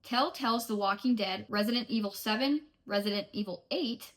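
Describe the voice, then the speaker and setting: Young woman vlogger, chatty and animated, mid pitch. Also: fairly quick. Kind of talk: casual vlog talk.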